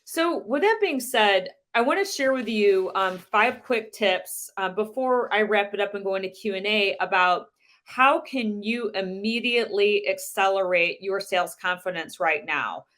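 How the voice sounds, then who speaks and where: A woman giving a measured, deliberate motivational talk as a sales coach, asking the listener many rhetorical questions. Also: mid-range voice, expressive, a bit bright. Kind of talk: motivational presentation.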